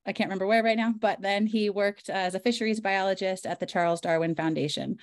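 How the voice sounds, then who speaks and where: A woman's voice: mid-range voice, fast. A woman hosting an online seminar, introducing the guest speaker with enthusiasm and frequent fillers over a video call.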